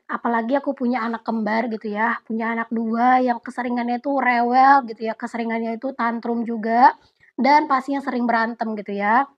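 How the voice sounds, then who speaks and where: Relaxed, chatty young woman vlogger. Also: on the high side. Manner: relaxed, chatty, often addresses viewers directly. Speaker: vlogger answering viewer questions. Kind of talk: casual Q&A chat. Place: home. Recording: dull lo-fi audio.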